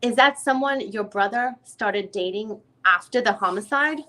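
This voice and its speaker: In a dramatic reading of a legal transcript, a woman voices a lawyer deposing a witness in a formal, methodical, probing way. Her mid-range voice moves at a moderate pace, pushed and bright, yet close to how she normally talks.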